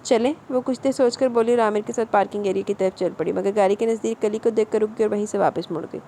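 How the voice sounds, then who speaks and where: A woman narrating a romance novel as an audiobook, in a steady, even storytelling voice. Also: mid-range voice, a little hiss or hum. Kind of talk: reading a romance novel aloud.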